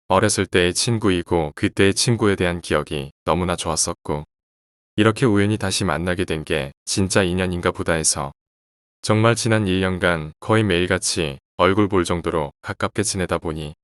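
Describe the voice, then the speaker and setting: Low-voiced man reading a horror story. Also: no echo, studio quality. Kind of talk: scripted narration of a first-person horror story.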